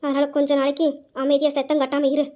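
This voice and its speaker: Woman voicing a scheming mother, coaxing, conspiratorial, high, quick. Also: monotone, warm tone, natural voice. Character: scheming middle-aged mother, plotting.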